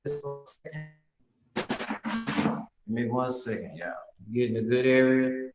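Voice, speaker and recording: A man joins as a guest over a buzzy, glitchy call connection that keeps breaking up and sounds hugely echoey. He talks casually and haltingly, stopping often on "uh" and "you know". His pitch sits in a middle range for a man. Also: lively intonation, loud music behind the voice. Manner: hesitant, full of "uh" and "you know". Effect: buzzy glitchy call audio that breaks up. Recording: very echoey remote call line.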